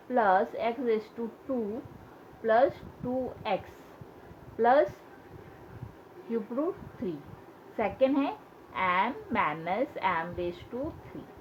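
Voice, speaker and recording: A woman teaching a school maths lesson, patiently repeating key points and asking questions as she explains. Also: fairly high pitch. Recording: dull lo-fi sound with faint hiss.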